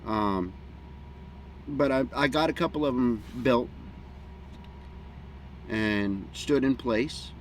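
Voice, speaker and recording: Here a middle-aged American vlogger takes his time, speaking slowly in a mid-range voice and pausing often as he puffs on a pipe. His outdoor chat is casual, rambling, folksy and plain-spoken. You can clearly hear background noise and an outdoor hum.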